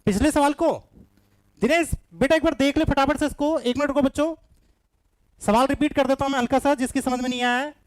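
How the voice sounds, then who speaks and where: A man's voice: very high-pitched, brisk, no room sound. A man teaching a live online class, coaxing students and reading out their answers by name.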